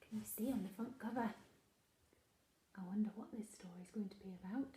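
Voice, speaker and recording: In a reverberant space, a woman with a mid-range voice reads a picture book aloud to young children. She sounds like a primary teacher, expressive and deliberate, with quiet asides along the way.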